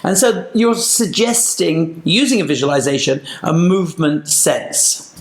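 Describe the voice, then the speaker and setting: High-voiced man teaching in an echoey room. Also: lively intonation, unhurried. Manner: earnest, explanatory, laughs easily. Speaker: Pilates teacher and co-host. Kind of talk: casual chat. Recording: roomy echo.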